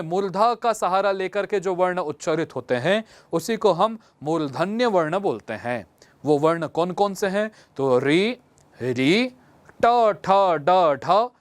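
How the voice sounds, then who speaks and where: A man's voice: high-pitched, no room sound. A male teacher giving a lesson, explaining patiently step by step and repeating examples for his students. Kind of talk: classroom lesson.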